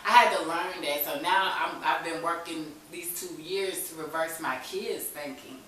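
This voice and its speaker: This interview guest, a woman in her thirties, relates a candid personal story in casual, conversational vernacular, often saying "you know." Her voice is low-pitched and a bit bright, and she keeps a measured pace. The recording is echoey, from a distant mic, with faint hiss.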